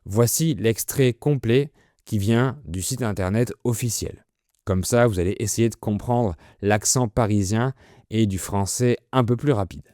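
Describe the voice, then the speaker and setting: A French teacher, a man with a lowish, mellow voice, presents a listening lesson for language learners at a measured pace. He explains words simply and didactically. The studio-quality recording has no echo.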